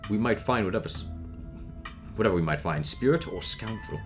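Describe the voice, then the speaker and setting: A man reads an eager young ghost hunter from a story game. He rattles off equipment with excitement in a deep, low voice. Faint music plays underneath. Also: fairly quick, close to an everyday voice. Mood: excited.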